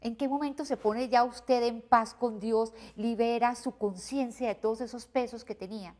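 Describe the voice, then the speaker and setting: A woman interviewer asking short, calm follow-up questions. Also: on the high side, normal speed.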